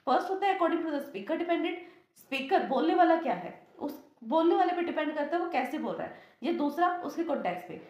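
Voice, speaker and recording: A woman with an Indian English accent lectures like a classroom teacher, walking through each point and answering her own questions. Her voice sits high. The sound carries the echo of a bare room. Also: a little mellow. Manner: explains step by step, asks and answers own questions.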